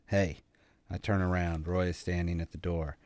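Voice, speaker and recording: A man giving steady, tense first-person audiobook narration in a matter-of-fact manner. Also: low voice, a little fast.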